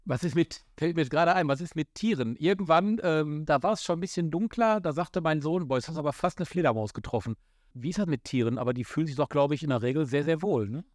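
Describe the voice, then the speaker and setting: A man's voice: fairly high pitch, expressive, fast, no room sound, studio quality. A man in his fifties co-hosting a podcast, asking questions in a loose, joking way. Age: 50s. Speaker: podcast co-host. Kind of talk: casual podcast chat. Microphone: studio microphone.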